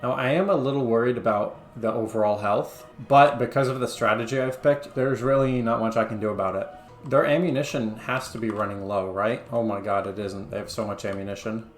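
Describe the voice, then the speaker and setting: A man's voice: medium pitch, steady tone, fairly quick, roomy sound, soft background music. A man hosting a strategy game video, chatting casually and thinking aloud as he plays, with frequent fillers and self-corrections. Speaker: gaming video host. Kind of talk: casual gameplay commentary.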